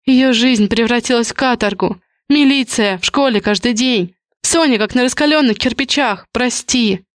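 A woman's voice: a little high, normal speed, dry recording, clean studio sound, voice pushed up, natural voice. A woman doing a desperate, begging mother. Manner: pleading. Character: desperate middle-aged mother begging forgiveness.

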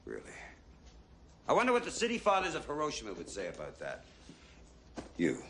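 An actor playing a stern male teacher who lectures his class in a forceful, commanding way. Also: mid-range voice, wildly swooping pitch, fairly quick, a little hiss or hum, heavily acted.

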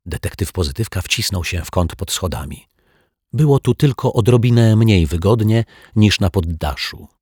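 A male storyteller reads a children's tale in a calm, measured way. His voice is very husky and deep, and the recording is close and dry. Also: dry recording. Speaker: narrator. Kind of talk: audiobook storytelling.

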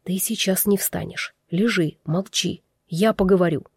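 A woman voicing a young man who speaks coldly and levelly, quietly commanding. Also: fairly low pitch, measured pace, a little hiss or hum. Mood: cold calm. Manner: cold and level.

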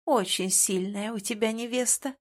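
A woman's voice: on the high side, normal speed, natural voice. Woman plays a tender ghost grandmother in an audiobook, sweet and lilting. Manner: sweet, sing-song and admiring. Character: tender, doting ghost grandmother, a former queen. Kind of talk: audiobook character reading.

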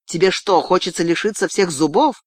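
A cruel, gloating young gangster woman taunts in a raised, higher, louder voice, as a woman reads her in an audiobook. Her threats come out mocking and menacing. The recording is close and dry. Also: sing-song, unhurried, no echo.

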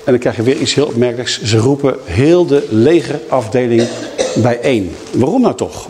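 A man preaching a Bible teaching, telling the story in a lively way and voicing the people in it. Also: mid-range voice, normal speed, slight background noise. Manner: lively storytelling, acting out quoted speakers. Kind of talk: sermon teaching.

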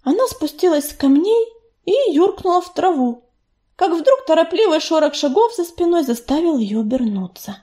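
A woman reads a children's storybook aloud as narrator. Her voice is high and sweeps across a wide range. The delivery is expressive and animated. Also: moderate pace. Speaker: audiobook reader.

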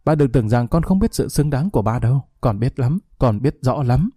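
A man's voice: mid-range voice, lively intonation, brisk, mellow, husky, no room sound, clean studio sound. A man voicing a grieving young man who answers his father with cool, mocking sarcasm. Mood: bitter.

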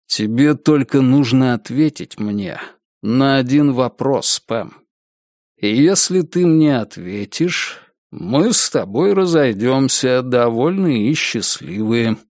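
A man playing a soft-spoken menacing cop. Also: medium pitch, expressive, slow pace, no room sound, studio quality. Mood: calm, menacing. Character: menacing middle-aged male cop, quietly threatening.

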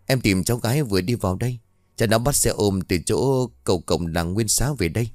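A man's voice: on the low side, fairly quick, darkish tone, dry recording, studio quality, close to an everyday voice. Man as a courteous middle-aged taxi rider. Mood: gentle.

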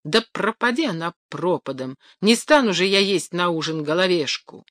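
A woman's voice: fairly low pitch, lively intonation, moderate pace, fairly bright tone, dry recording, clean studio sound. A woman voicing a poor, grumbling church watchman in a storybook reading. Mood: irritated.

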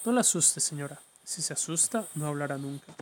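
A man's voice: a little high, lively intonation, a little fast, a little hiss or hum, lightly acted. A man reading a story, voicing a pushy, sly police officer who coaxes a child in a sugary tone. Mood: coaxing. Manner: sugary coaxing turning sharp.

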